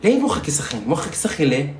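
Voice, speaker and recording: Fast-talking Sudanese man ranting. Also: fairly high pitch, sing-song, darkish tone, echoey room, slight background noise. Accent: Sudanese Arabic. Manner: rambling, mocking, insulting, with frequent "you understand?". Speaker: singer vlogging while doing makeup. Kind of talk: casual ranting monologue to viewers.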